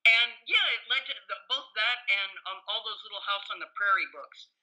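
An American woman around sixty, a history professor and author, chats enthusiastically as a podcast guest, telling anecdotes. Her mid-range voice is sharp in tone and fairly quick, captured on a low-quality recording.

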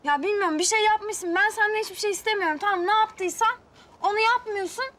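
An angry young woman cutting in with accusing questions. Her voice is very high and bright, with an edge. She talks in a TV comedy drama. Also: fast. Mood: annoyed. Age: young adult. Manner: accusing, sharp, dismissive.

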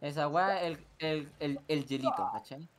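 A young man with a Chilean accent streaming a game, teasing his friends with quick, crude banter. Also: a little high. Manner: teasing, laughing, swearing. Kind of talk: casual gaming banter.

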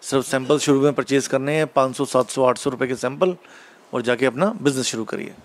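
Calm middle-aged shop owner explaining. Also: male voice, mid-range voice, a little fast, a little hiss or hum. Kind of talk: interview answers. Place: indoor office. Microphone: handheld mic held by interviewer.

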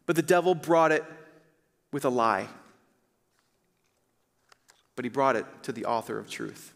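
A man's voice: mid-range voice, animated, vocal fry, a bit bright. Earnest preaching man in a reverberant hall. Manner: earnest, emphatic preaching with slowed, stressed phrases. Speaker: pastor. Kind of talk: sermon. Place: large church stage, indoors.

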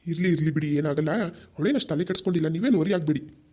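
A man voicing an older male elder who calmly consoles a worried brother in a village drama. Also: fairly high pitch, fast talker, breathy edge. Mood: consoling. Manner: consoling, fatherly. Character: older male elder called Baba, reassuring.

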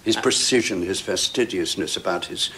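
A man's voice: sits low, moderate pace, sharp tone, a little hiss or hum. A male actor reflecting on a character in a radio interview, thoughtful and illustrative.

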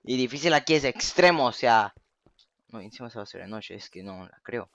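A young man talks through his survival game as he plays. He keeps repeating himself in exasperated disbelief, and his voice sits at an ordinary middle pitch. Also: animated, brisk, fairly bright tone. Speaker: gaming youtuber. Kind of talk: Minecraft let's play commentary.

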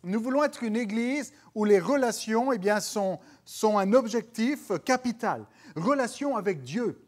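A man's voice: high voice, expressive, measured pace, darkish tone. A man with a Quebec French accent preaching a sermon, earnest, with repeated phrases and restarts. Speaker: pastor. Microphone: broadcast church recording.

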